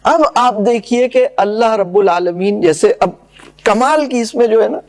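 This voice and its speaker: A man giving a lecture on classical poetry. He recites verses slowly and solemnly, then explains them in quick, conversational asides and checks whether his listeners follow. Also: high voice, a little mellow. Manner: asks listeners whether the point is clear.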